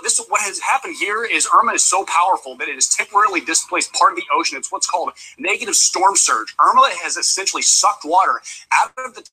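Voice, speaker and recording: A man with a slightly rough voice presenting news commentary on storm footage. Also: a little high, bright, forceful tone, poor audio.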